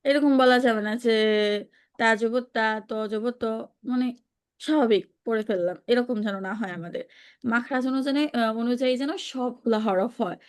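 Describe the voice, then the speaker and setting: A woman's voice: a little high, normal speed. Woman teaching with patient repetition. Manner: patient, repeats questions for students to answer. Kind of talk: online Quran reading lesson.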